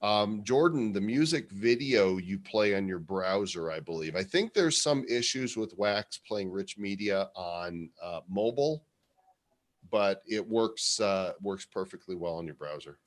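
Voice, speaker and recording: Low-voiced man co-hosting a casual show. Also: animated, a little slow. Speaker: co-host of a show about NFT art. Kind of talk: casual live show chat.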